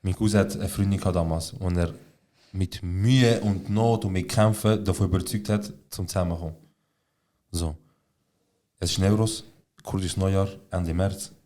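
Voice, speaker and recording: A young man with a lowish voice co-hosts a casual podcast. He tells stories with lots of slang and swearing. He acts out the dialogue himself. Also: moderate pace, a little hiss or hum. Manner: slangy, swearing, animated retelling with quoted dialogue. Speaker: podcast co-host. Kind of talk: casual chat, storytelling.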